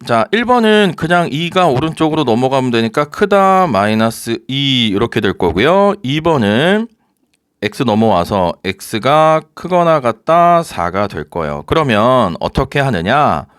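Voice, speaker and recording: A man teaching a recorded high-school math lecture, talking students through each step and often checking with rhetorical questions. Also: a little slow, clear, resonant tone, no echo, studio quality. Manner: lively, coaxing, asks rhetorical questions.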